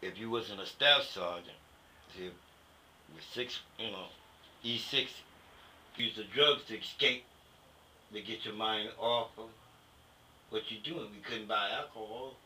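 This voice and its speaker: Unhurried and pausing often, an older American Vietnam War veteran talks through his memories in an interview, his low voice pushed and bright. He speaks bluntly and colloquially, emphasizing his opinions and using "you know" a lot. The recording is rough, with faint background noise.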